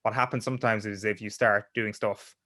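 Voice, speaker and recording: A man's voice: fairly low pitch, fairly even intonation, brisk, bright, forceful tone, no room sound. Chatty man, dry close sound. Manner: chatty, many restarts and fillers. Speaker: sports journalist guest. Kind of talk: casual podcast interview.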